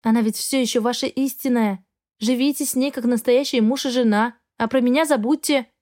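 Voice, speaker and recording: A woman's voice: fairly high pitch, fairly even intonation, brisk, darkish tone, close to an everyday voice. A woman voicing a defiant young bride forced into marriage, stubborn and protesting.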